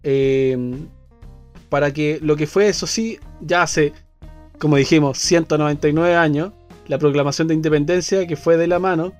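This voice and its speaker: A man's voice: a little high, moderate pace, soft background music. A man with a Chilean accent, co-hosting a casual radio chat and talking with many fillers and restarts. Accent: Chilean Spanish. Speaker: co-host.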